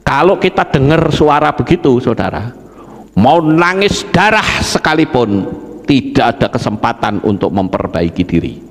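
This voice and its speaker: A man's voice: mid-range voice, big pitch swings, moderate pace. A man preaching a sermon, dramatically acting out voices and keeping up a direct address to the congregation. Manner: dramatic, acts out pleading voices, keeps addressing listeners. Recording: echoey hall reverb.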